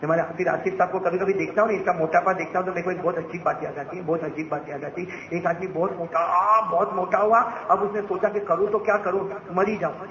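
During a Ramadan night sermon at a mosque gathering, a man preaches in a high-pitched, fairly bright voice with fairly even intonation and hardly any pauses. He's jovial, leading the crowd in call-and-response, bantering with them and telling joking anecdotes as he goes. The mosque PA sounds echoey and dull, with crowd ambience and a little hiss or hum.

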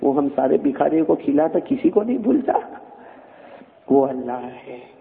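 A man's voice: on the high side, big pitch swings, moderate pace, creaky. A man giving a sermon, telling stories dramatically and rousing the congregation with call-and-response. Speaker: preacher. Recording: phone-like echoey hall recording.

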